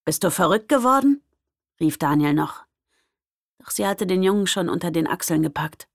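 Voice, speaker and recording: A young woman narrating a first-person audiobook in a lively, expressive way. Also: lowish voice, gravelly, no echo, clean studio sound.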